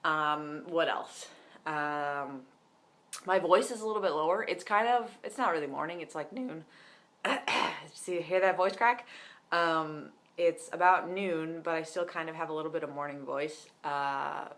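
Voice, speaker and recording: He's a young vlogger at home, talking through a rambling diary update in an unhurried, fairly bright voice on the high side. His voice cracks at times, and "um" and "like" keep popping up.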